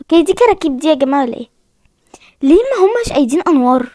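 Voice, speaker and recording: A woman's voice: high voice, very animated, rapid-fire, warm tone, no room sound, clean studio sound. A young woman with an Egyptian accent, chatting to viewers as she plays a horror game and keeps saying how scared she is. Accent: Egyptian Arabic. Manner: chatty, talks to viewers while playing, often frightened. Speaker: gaming video host. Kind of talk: casual game commentary.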